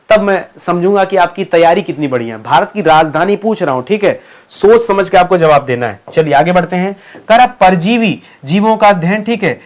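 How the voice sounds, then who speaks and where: A man with a high-pitched voice teaching exam-prep lessons. He drills every key term several times and keeps checking in with his students through questions. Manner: repetitive, drills terms, asks students questions.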